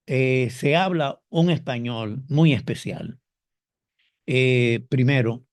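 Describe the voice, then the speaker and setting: A man with a Dominican Spanish accent speaks at a slow, measured pace in a voice of ordinary pitch. He lays out his points like a teacher, stretching key words and repeating examples. The recording is dry, with little room sound. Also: no room sound. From Dominican Republic. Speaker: teacher explaining culture and dialect. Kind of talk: explanatory monologue.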